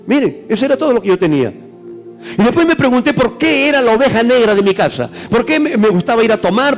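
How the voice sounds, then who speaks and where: A middle-aged pastor, preaching a sermon that swells loud and drops to hushed phrases. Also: male voice, high-pitched. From Peru.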